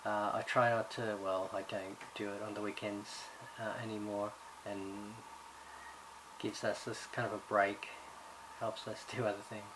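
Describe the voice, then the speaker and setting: At a measured pace and in a level tone, a man with a fairly low pitch records an introduction to his course as subject coordinator. He hails from Ireland and was raised in Australia; his speech is hesitant, marked by many fillers and restarts. There's background noise.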